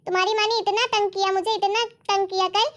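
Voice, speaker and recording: A woman playing a selfish young daughter-in-law who talks fast and complains sharply. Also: very high-pitched, flat delivery, fairly bright tone, highs cut off. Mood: complaining. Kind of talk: family drama acting.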